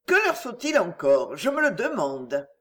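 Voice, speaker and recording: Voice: mid-range voice, sing-song, measured pace, fairly bright tone. A reader voicing a cheerful, good-humoured young innkeeper's daughter in an audiobook of a period novel. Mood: exasperated.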